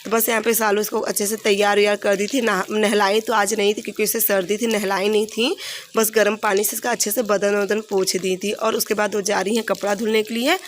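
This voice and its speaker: A woman's voice: medium pitch, level tone, a little fast, slight background noise. A woman narrating her home vlog in a chatty, rambling way, with many fillers and restarts. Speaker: vlogger. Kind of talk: casual home vlog voice-over.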